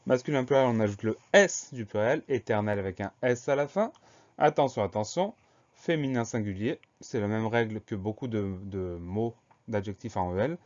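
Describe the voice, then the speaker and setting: A man's voice: mid-range voice, a little mellow. Man spelling out words, slightly muffled. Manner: slow, spells words letter by letter. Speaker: teacher. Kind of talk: spelling dictation lesson.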